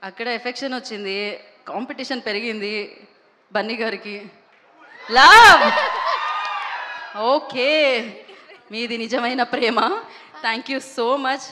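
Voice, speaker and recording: Upbeat female emcee, bright tone, echoey event hall. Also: a little high, slow pace, long pauses, a faint crowd, slight background noise. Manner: upbeat, mixes Telugu and English. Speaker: event host. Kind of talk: stage hosting.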